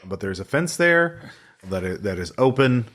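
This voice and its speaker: A man narrating a tabletop role-playing game as game master, in a conversational, halting way that often repeats phrases. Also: medium pitch, very animated, fairly bright tone.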